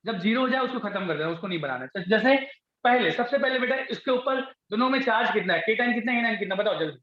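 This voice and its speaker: A man's voice: high-pitched, animated, fast talker. A male teacher giving a classroom lecture, coaxing students and repeating his questions to them. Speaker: chemistry teacher. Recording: echoey, dull classroom recording.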